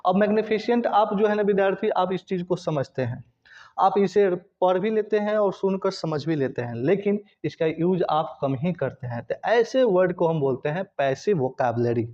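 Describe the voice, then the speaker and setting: A man's voice: sits high, expressive, normal speed, darkish tone, dull audio. A man teaching English grammar to students, repeating key points and often checking whether they follow. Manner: addresses students directly, repeats and checks understanding. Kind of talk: classroom lesson.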